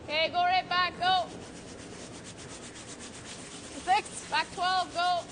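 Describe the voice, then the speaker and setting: A woman curler yelling like a skip to her sweepers, extremely high in pitch. The calls are short, urgent and repeated, over clear arena noise. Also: fairly even intonation, normal speed. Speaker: curler calling sweeps on the ice. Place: indoor curling rink during a match. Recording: noisy arena ambience.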